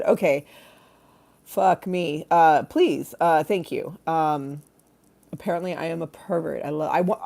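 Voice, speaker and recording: Her voice is deep and gravelly with a darkish tone as she hosts a meandering, funny live stream. She's quirky and bawdy, giggling often and drifting theatrically into side remarks.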